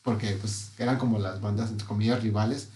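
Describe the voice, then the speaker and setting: A man's voice: fairly low pitch, fairly quick, reverberant. A man with a Mexican accent hosting a casual music chat, asking questions and sharing memories. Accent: Mexican Spanish. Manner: relaxed, asks questions and reminisces.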